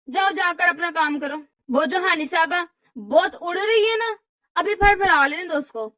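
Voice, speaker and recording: A woman voicing a nagging older mother-in-law in a cartoon, scolding her daughter-in-law with shrill, drawn-out wails. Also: bright, forceful tone, dry recording, heavily acted. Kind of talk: cartoon voice acting.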